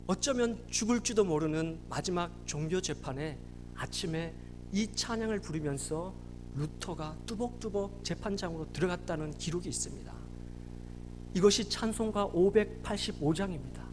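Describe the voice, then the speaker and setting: A man's voice: high-pitched, animated, moderate pace, pauses often. A man, a pastor, preaching a sermon with emphatic rhetorical questions. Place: church sanctuary. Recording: long church reverb, faint hum.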